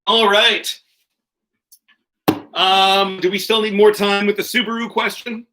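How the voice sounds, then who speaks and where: A man's voice: high voice, level tone, unhurried, pushed and bright, poor audio. A man hosting an online quiz over a video call, reading questions and tossing in joking, profane asides. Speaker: quiz host.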